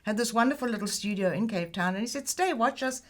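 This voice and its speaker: A woman's voice: fairly high pitch, expressive, quick pace. South African woman telling stories, chatty. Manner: chatty storyteller who laughs easily. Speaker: guest, film editor and producer. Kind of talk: casual interview chat.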